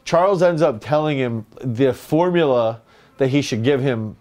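A man's voice: medium pitch, normal speed, a little mellow. A man, a strength coach co-hosting a podcast, telling a rambling anecdote in casual chat. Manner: rambling anecdotes with quoted voices.

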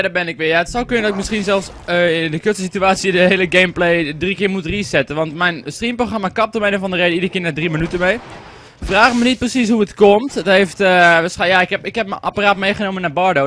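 A man's voice: high voice, fast talker, a bit bright, slight background noise. A young man giving casual, rambling commentary while playing a game, and swearing when it lags. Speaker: gaming commentator. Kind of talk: casual let's-play commentary.

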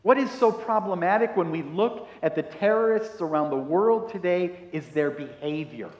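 A man in his fifties, a pastor preaching a sermon on a headset mic, slow and emphatic, asking the congregation questions. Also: sits high, a little mellow, muffled recording. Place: church sanctuary in front of a brick wall. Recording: roomy hall echo.

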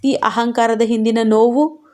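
A woman's voice: a little high, steady tone, unhurried, a little mellow, close to an everyday voice. A woman voicing an overworked young wife who scolds and breaks into bitter, tearful outbursts.

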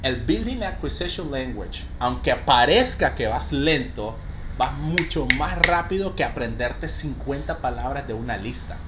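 A lively, bilingual male English teacher with a mid-range voice speaks at a measured pace over very noisy audio. Teaching call center agents in a live online class, he reads out student answers, mixes Spanish and English, and praises his students often.

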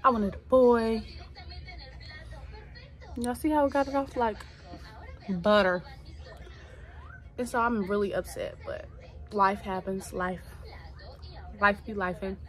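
A woman's voice: mid-range voice, fairly even intonation, measured pace, long pauses. A woman in her twenties from Tennessee, chatting casually and rambling through a story while doing a self-care routine. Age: 20s. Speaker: vlogger. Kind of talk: casual chat.

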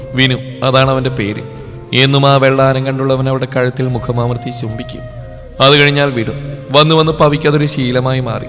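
A man reading a romance story aloud as a storyteller, in an emotive, dramatic way with short pauses between sentences. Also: fairly high pitch. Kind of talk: scripted romance story narration. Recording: long reverb over soft background music.

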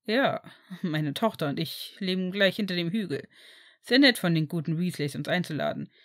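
A woman voicing an eccentric middle-aged man who is gentle and formal, in an audiobook reading of fan fiction. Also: on the low side, lively intonation, no room sound, clean studio sound, voice pushed down, close to an everyday voice. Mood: courteous. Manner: measured, formal and courteous.

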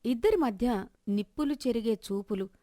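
A woman's voice: a little high, expressive, dark tone. Woman narrating a storybook drama. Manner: measured, scene-setting delivery.

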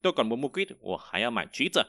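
A man teaching a vocabulary lesson, explaining each word and repeating example sentences slowly, with frequent hesitations. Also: medium pitch, very animated, fairly bright tone, no room sound, studio quality. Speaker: Chinese teacher.

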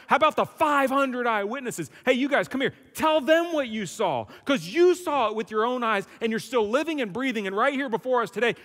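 A man's voice: extremely high pitch, a bit bright, voice pushed up. A man voicing the apostle Paul as an insistent man calling witnesses forward, in a reverberant church hall. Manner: urgent, calling out and challenging.

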